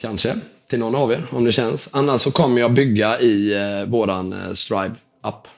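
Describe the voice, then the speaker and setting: A gravelly, fairly low-voiced man appears as an entrepreneur guest in a casual interview, telling an animated story. He acts out the dialogue, mixes in English words, keeps a relaxed tone, and swears now and then.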